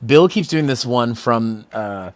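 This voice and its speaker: A man streaming a game, chatting casually, laughing often and rambling in an animated way. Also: medium pitch, slow pace, no room sound. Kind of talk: casual chat over a game.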